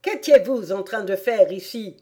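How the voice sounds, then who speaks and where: A woman reading a storybook aloud and voicing a furious, imperious queen with shrill shouted commands. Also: lively intonation, a little slow, lightly acted. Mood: furious commanding.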